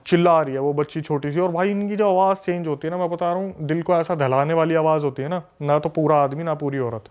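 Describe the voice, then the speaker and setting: A podcast guest, a man from a city, telling a story in an animated, emphatic way with lots of repetition. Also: a little high, fast. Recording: dull lo-fi recording.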